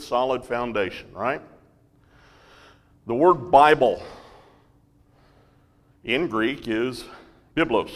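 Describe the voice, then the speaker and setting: A man's voice: medium pitch, in a large hall. A man teaching a Bible lesson, checking in with the class by asking "right?" and "okay?". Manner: slow, with frequent "right?" and "okay?" check-ins.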